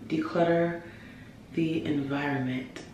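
A young woman vlogging casually at home about her wellness routine, relaxed and chatty with loose fillers. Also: low-pitched, slow. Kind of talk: casual vlog chat. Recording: roomy echo, faint room ambience.

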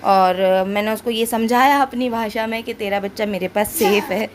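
A woman's voice: medium pitch, fairly even intonation, moderate pace, slight background noise. A woman from India chatting casually to her viewers in a home vlog, talking through dental pain, recorded on a phone camera indoors. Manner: chatty, addresses viewers directly. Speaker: vlogger.

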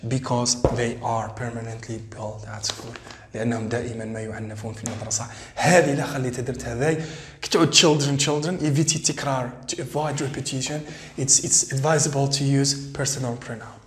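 An Algerian man teaching English for an exam, reading sentences slowly and repeating words to drill pronunciation. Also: mid-range voice, echoey room. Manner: switches between English and dialect, reads English slowly and drills pronunciation. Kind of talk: exam-prep lesson.

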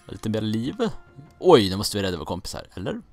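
Young man, from Sweden, gameplay commentary, animated delivery, gravelly, rambling jokes. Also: fairly low pitch, soft background music. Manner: rambling, joking, easily confused, mild swearing. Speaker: gaming let's-player.

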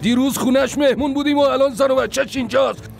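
A man's voice: very high voice, fairly even intonation, gravelly, faint music behind. A man dubbing a stern, hot-tempered older brother who scolds and confronts. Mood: angry. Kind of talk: Persian dub of a TV drama.

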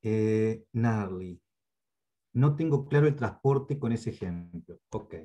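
A man with a Uruguayan accent gives a patient online training lecture, repeating key points and often checking in with a quick "¿sí?". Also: lowish voice, expressive, dark tone. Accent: Uruguayan Spanish. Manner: checks in with frequent "¿sí?"; hesitant fillers and restarts. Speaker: instructor. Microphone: computer mic on a video call.

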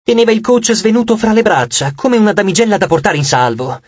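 A man's voice: high-pitched, lively intonation, brisk, no echo, muffled recording. A man narrating an audiobook with dramatic, scripted storytelling.

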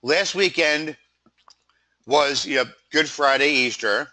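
Froggy-voiced man with a bright, forceful delivery. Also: fairly high pitch, takes it slowly. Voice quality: froggy, throat-clearing voice. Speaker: PR company presenter. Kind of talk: slide presentation, conversational sales pitch.

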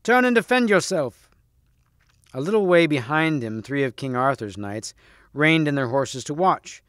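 A man reading a storybook aloud to students, steady with small slips and restarts. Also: medium pitch, normal speed, smooth, dry recording, clean studio sound. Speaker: reader.

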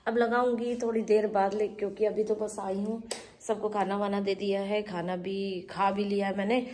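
A woman in her forties chats straight to her viewers in a relaxed daily vlog. Her voice sits at an everyday middle pitch, picked up by a phone held at arm's length. A faint hiss runs underneath. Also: normal speed. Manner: chatty, addresses viewers directly, gestures while talking. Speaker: vlogger. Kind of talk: casual daily vlog chat. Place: home rooms and kitchen, indoors.

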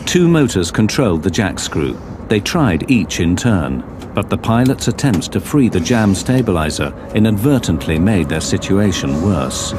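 A man reading scripted documentary narration in a measured, dramatic storytelling way. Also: deep voice, big pitch swings, background noise. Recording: dramatic music bed under voice. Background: music.

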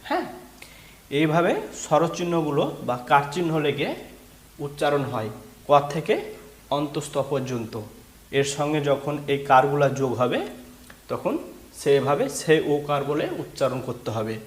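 A man teaching children to spell vowel signs with slow, patient repetition. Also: on the high side, echoey room. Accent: Bangladeshi Bengali.

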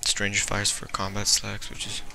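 A man's voice: lowish voice, measured pace, gravelly. A man casually narrating his game trades, thinking aloud and rambling with fillers. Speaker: video game trading host. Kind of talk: casual gameplay commentary. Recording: steady background noise.

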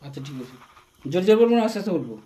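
A man's voice: high voice, very animated, racing, warm tone, rough recording. A man staging a ghost exorcism, asking questions and chanting repeated invocations. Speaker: video maker.

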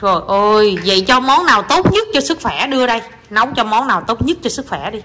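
Playful mom, noisy recording. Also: female voice, a little high, animated, fast. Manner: chatty and teasing, often laughing. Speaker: mother playing with her child. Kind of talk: casual home vlog, playful pretend play.

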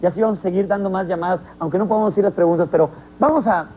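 A man's voice: high voice, a little mellow, slight background noise, low-quality recording. A man from Mexico hosting a studio talk show, teasing and joking with his guests between questions. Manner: joking, teasing, quick interjections.

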